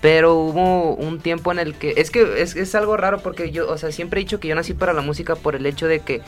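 A nineteen-year-old man from Sonora, a singer and guest, telling his story in a relaxed, rambling way. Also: on the high side, fairly quick, faint music behind. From Ciudad Obregón, Sonora, Mexico. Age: teens.

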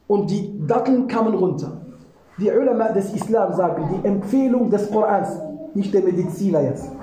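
A woman giving a lively religious lesson, asking her listeners rhetorical questions and reciting Arabic scripture quickly. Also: mid-range voice, slight background noise. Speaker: religious teacher. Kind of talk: religious lesson to a small audience. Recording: echoey room.

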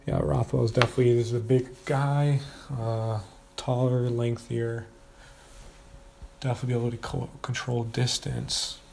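A man's voice: medium pitch, flat delivery, moderate pace, vocal fry, darkish tone, a little hiss or hum. A man casually previewing upcoming fights, talking in a hesitant way with many fillers and restarts. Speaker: fight predictions commentator.

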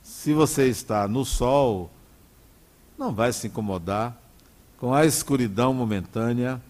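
A man's voice: medium pitch, darkish tone. Brazilian guy, middle-aged, preaching about life easygoing-like, voice jumps up and down a lot, keeps tossing in "né?". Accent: Brazilian Portuguese. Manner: conversational, often asks "né?" to the audience. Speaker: spiritist speaker. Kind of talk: inspirational talk with personal stories.

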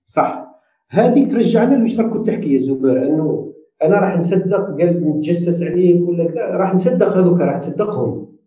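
A man with an Algerian accent explains ideas patiently in a casual discussion, mixing in English terms. His voice is dark and mellow and he speaks quickly. He sounds far from the mic in a roomy, echoing space, and the recording is dull and lo-fi. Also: high-pitched, lively intonation. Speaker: discussion participant.

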